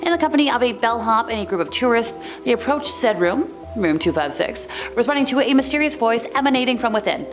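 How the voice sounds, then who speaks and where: Wry woman narrating over clear background music. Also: a little high, expressive, fast, few pauses. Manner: wry, jokey asides. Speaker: countdown narrator. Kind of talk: scripted countdown narration with casual asides.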